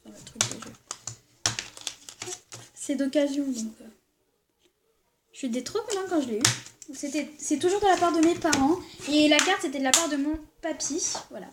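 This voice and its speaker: A high-voiced woman chats to camera as a vlogger, excitable and gushing, filling her talk with little fillers. A steady hiss of noise sits under the recording. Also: normal speed, long pauses. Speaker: vlogger showing Christmas presents. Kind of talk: casual chat to camera. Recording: noisy background hiss.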